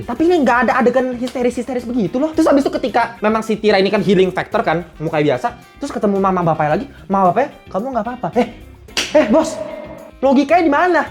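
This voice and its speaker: Fast, blunt young woman reviewer. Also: fairly high pitch. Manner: animated, blunt, slangy, exclaims and swears. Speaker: series reviewer. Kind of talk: casual spoken review.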